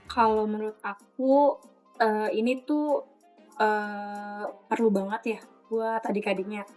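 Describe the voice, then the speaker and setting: A woman in her late twenties, a volunteer tutor, answering interview questions casually and hesitantly, with many pauses and fillers. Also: medium pitch, fairly even intonation, darkish tone, faint music behind. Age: 20s.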